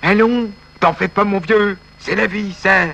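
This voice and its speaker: A man's voice: high-pitched, steady tone, a little slow, gravelly, pushed and bright, full character voice, low-quality recording. A man voicing a tactless fellow who mocks and fusses over a weeping friend in a comic sketch. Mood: blunt. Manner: bossy, mocking, fussing.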